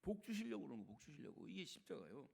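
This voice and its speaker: An older male pastor delivers a sermon in a gravelly, fry-tinged voice. His speech is conversational, with lively rises and falls in pitch, and he shifts between forceful emphasis and soft asides. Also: fast. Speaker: retired senior pastor.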